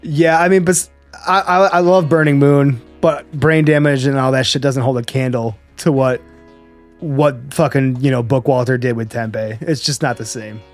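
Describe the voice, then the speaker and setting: A man's voice: mid-range voice, steady tone, moderate pace. Slangy Buffalo-accented man, behind music. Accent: Buffalo, New York. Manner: profane, slangy, enthusiastic. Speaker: podcast co-host. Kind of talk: casual chat about horror movies.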